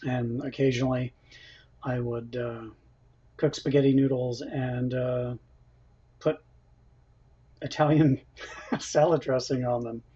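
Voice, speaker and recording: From his home kitchen, a man hosts a casual cooking livestream, eating while he chats, laughs often, and reads out viewer comments. His mid-range voice is dark in tone and slightly rough, with little pitch movement, a slow pace and frequent pauses. The built-in camera mic gives dull, lo-fi audio.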